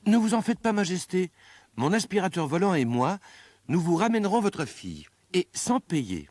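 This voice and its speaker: A man's voice: high voice, sing-song, moderate pace, darkish tone, no room sound. A man voicing a confident young hero in a bold, declaiming storybook voice. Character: brave young hero with flying vacuum.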